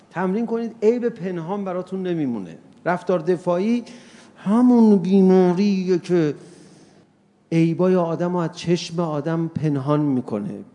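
Animated man preaching with mocking humor. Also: fairly high pitch. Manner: animated, acts out little dialogues, mocking humor. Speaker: religious lecturer. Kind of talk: sermon to an audience.

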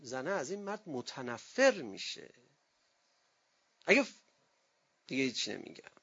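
Male cleric, high raspy voice, lively anecdotal sermon that mimics other people's voices, muffled lo-fi sound. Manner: lively storyteller who acts out quoted voices.

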